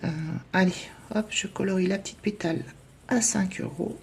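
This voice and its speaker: A woman chatting casually as she fills in savings challenges, hesitating often and counting out loud. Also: mid-range voice, fairly even intonation, normal speed, vocal fry, a little hiss or hum. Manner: chatty, self-deprecating, lots of hesitations and counting aloud. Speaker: budget vlogger. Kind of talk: casual chat while doing savings challenges.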